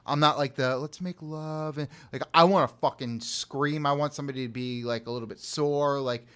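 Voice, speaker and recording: A young man in casual podcast chat, blunt and animated, acting out quoted voices as he tells stories. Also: mid-range voice, brisk, clean tone. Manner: blunt, animated storyteller who acts out voices. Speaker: podcast co-host.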